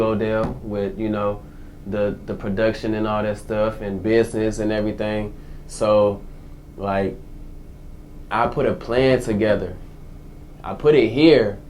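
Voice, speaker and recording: Casual young man, low voice. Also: fairly even intonation, a little slow, a little mellow, a little hiss or hum. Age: 20s. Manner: casual, slangy, repeats phrases. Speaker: guest, formerly incarcerated entrepreneur. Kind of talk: casual interview answers.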